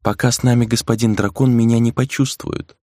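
A man's voice: medium pitch, fairly even intonation, brisk, darkish tone, dry recording, studio quality, lightly acted. A man voicing an ancient spirit that speaks through a girl, cool, indifferent and musing. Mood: detached.

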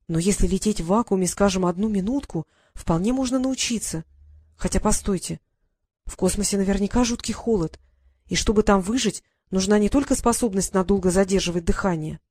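A woman reading a children's novel aloud as a lively, expressive narrator. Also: medium pitch, brisk, breathy edge, no echo, clean studio sound. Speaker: audiobook narrator. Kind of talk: scripted narration.

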